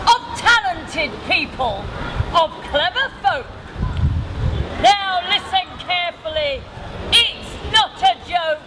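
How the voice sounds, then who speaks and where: A woman declaiming a rhyming town crier's proclamation in measured phrases, projecting loudly outdoors. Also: extremely high pitch. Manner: declamatory, measured verse delivery. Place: outdoor public space in a town. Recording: noisy outdoor recording with crowd.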